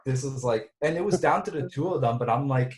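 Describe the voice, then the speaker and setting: A man's voice: medium pitch, fast. A man reminiscing about casting in a casual reunion chat, rambling with many restarts and fillers. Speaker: director and writer. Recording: roomy echo.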